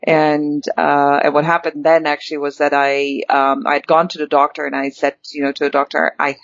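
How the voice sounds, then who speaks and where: A woman's voice: low voice, level tone, moderate pace, creaky, no room sound. Chatty Dutch-born woman, muffled dry sound. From the Netherlands. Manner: chatty and rambling, many ums and restarts. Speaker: guest, networking chapter director. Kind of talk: casual interview conversation.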